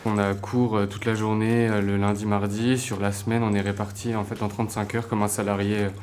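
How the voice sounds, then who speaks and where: Low, flat-voiced young man. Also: fairly quick, a little hiss or hum. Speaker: work-study student. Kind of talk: testimonial interview.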